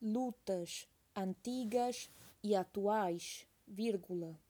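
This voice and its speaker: A woman's voice: medium pitch, drawn-out words, mellow. A woman teacher reading a text aloud as a dictation, saying each phrase twice and calling out the punctuation.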